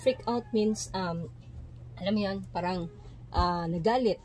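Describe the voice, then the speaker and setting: A woman with a Filipino accent teaching an English lesson, mixing English and Tagalog, explaining slowly, checking in with "okay?" and "di ba?", and clearing her throat often. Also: on the low side, a little mellow, low-quality recording.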